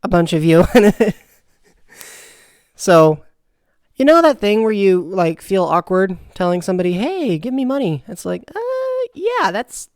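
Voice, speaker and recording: A woman's voice: on the low side, sing-song, unhurried, pauses often, a little mellow, clear, resonant tone, no echo, clean studio sound. A young woman hosting a video game playthrough, chatty and self-deprecating, often laughing. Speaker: gaming video host. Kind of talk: casual let's-play commentary.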